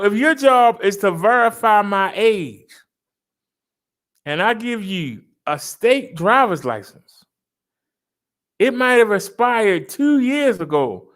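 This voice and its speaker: A man's voice: sits high, expressive, slow, a bit bright. A man in his fifties venting in a casual vlog, argumentative and repeating his points. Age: 50s. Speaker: vlogger. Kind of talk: casual ranting monologue.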